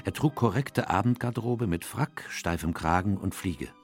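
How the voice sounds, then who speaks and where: An actor playing a genteel, earnest Victorian doctor who narrates and converses in a German radio play. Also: male voice, low voice, moderate pace, soft background music, lightly acted. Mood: reflective narrating. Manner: earnest, gentlemanly.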